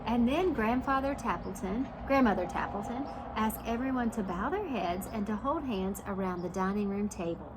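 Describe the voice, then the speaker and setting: Reading a picture book aloud to young children, a woman uses an animated preschool-teacher manner and stops to ask them questions. Her pitch is medium, and the background is noisy.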